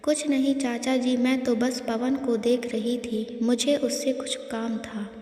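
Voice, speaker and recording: A woman voicing a sharp-tongued, proud young woman who talks in a snappy, scolding way, in an echoey room. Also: on the high side, level tone, slow. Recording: echoey room with long reverb.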